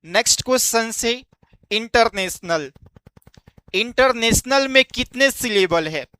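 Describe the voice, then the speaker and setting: A man's voice: very high voice, expressive, unhurried, sharp tone, smooth, no echo. A man teaching an exam-prep lesson, explaining step by step and asking quiz-style questions that he then answers himself.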